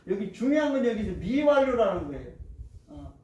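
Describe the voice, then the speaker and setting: A man's voice: sits high, big pitch swings, moderate pace, dark tone. A male pastor preaching a sermon, asking the congregation questions and acting out prayers and complaints. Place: church sanctuary. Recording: roomy church sound from a distant mic.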